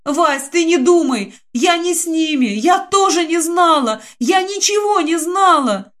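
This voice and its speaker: A woman voicing a frightened, tearful young woman who talks in a high, breathless, pleading rush. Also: animated, a little slow, fairly bright tone, exaggerated voice.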